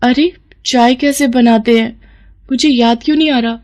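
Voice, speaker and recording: A woman voicing a nosy young sister-in-law in a cartoon story, with a high, excitable, whiny delivery. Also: moderate pace, natural voice. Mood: fretful.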